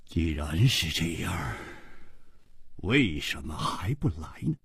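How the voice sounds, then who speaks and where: A man voicing a calm, teasing young hero who speaks at an unhurried pace, in a storytelling radio reading. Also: medium pitch, breathy edge, dry recording, clean studio sound, voice pushed down. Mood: amused.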